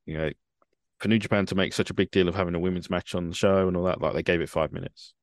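A man with a very deep voice talks in a dry, wry, opinionated way. His voice sits close and dry, with no room sound around it. He speaks in a relaxed, chatty manner. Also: fast, no echo. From United Kingdom. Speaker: podcast host. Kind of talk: casual chat.

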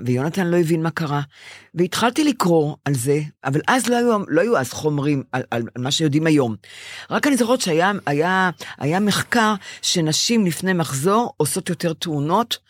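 Animated older woman telling a story. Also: lowish voice, no echo, clean studio sound. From Israel. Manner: animated storytelling, acts out her own past quotes. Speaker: podcast co-host. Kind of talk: casual chat.

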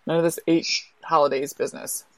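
A woman author as a podcast guest, chatting casually and telling a folktale in an animated way, often restarting phrases. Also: sits low, a little fast, no echo. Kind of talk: casual podcast chat and storytelling.

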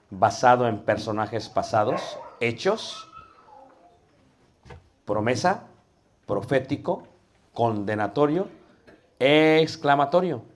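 Slow, questioning preaching teacher. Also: male voice, medium pitch, a little hiss or hum. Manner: animated, asks the class questions, drops to a soft voice for effect. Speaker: homiletics teacher. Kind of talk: classroom lecture on preaching.

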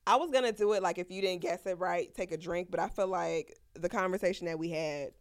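A woman's voice: fairly low pitch, brisk. A woman hosting a podcast, a mother, chatting casually in slang and laughing often. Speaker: podcast host.

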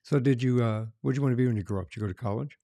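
A man's voice: mid-range voice, rapid-fire, dark tone, no echo, studio quality. A man from Colorado, a former police officer, hosting a casual interview and rambling with restarts and chuckles. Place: Arizona.

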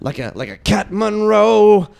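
A man's voice: high-pitched, big pitch swings, measured pace, creaky, a little mellow, exaggerated voice. A man voicing a boastful, feisty old male hare pilot who rambles about his glory days.

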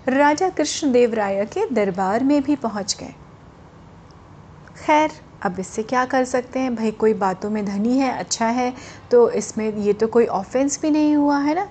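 A woman storyteller narrating a folk tale for children in a high voice. She talks in a chatty way and often turns to address the children directly. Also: mellow, slight background noise.

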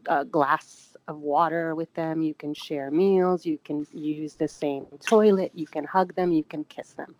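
A woman's voice: low voice, steady tone, unhurried, hardly any pauses, a little mellow, rough recording. A woman guest giving earnest, casual advice on sexual health, with frequent fillers.

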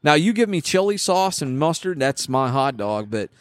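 A man hosts a relaxed talk show, opinionated and animated. His voice sits a bit high and swings up and down a lot. The sound is close and dry, with no room echo. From West Virginia. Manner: animated, opinionated, quick to scoff. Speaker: podcast host. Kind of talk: casual chat.

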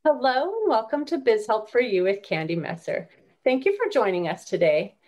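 A woman's voice: on the high side, very animated, normal speed, darkish tone. A woman podcast host presenting her show and talking with a guest in an orderly, prepared way. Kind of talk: scripted show introduction, then interview chat.

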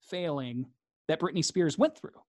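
A man's voice: on the high side, sing-song, unhurried, darkish tone, dry recording. A man, a guest in a reflective interview, talking earnestly and repeating phrases for emphasis.

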